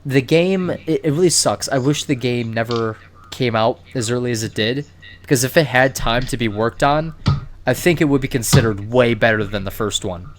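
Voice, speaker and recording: A man's voice: mid-range voice, moderate pace, slight background noise. A man hosting a casual podcast, rambling enthusiastically and swearing casually, recorded over a voice call. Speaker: podcast host. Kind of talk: casual chat. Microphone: computer mic on a voice call.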